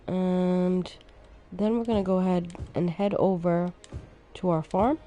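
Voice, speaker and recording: A woman's voice: fairly low pitch, soft background music. A woman streaming a city-building game, casually thinking aloud as she plays and sounding a little sleepy. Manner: relaxed, thinking aloud, unhurried. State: sleepy, yawning. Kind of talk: casual gameplay commentary.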